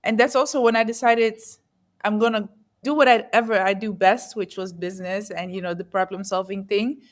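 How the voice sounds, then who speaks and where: A woman's voice: medium pitch, fairly even intonation, moderate pace. A woman who grew up in the Netherlands, a guest in an interview, talking in an earnest, reflective way and often searching for words. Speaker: guest entrepreneur.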